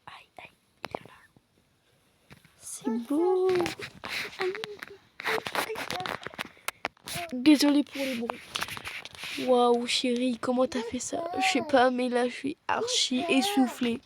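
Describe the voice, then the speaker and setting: Female game player, high voice, chatty step-by-step role-play narration, with noise behind her. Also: animated, slow pace, pauses often. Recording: noisy home background.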